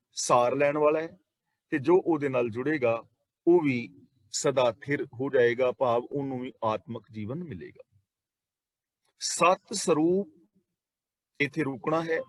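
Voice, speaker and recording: A man explaining scripture as a preacher, reciting verses slowly and deliberately, then explaining them. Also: fairly high pitch, no echo. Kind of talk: scripture exposition.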